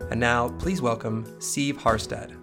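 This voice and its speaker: A man hosting an interview podcast, asking questions in a friendly, measured way. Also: mid-range voice, gravelly, over music. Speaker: podcast host.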